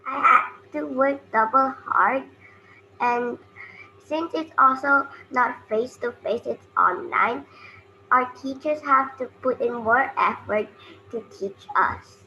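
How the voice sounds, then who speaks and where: A woman's voice: high voice, slow, pushed and bright. Young girl ballet student on a lo-fi call. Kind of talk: answering interview questions. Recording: dull lo-fi call audio with faint noise.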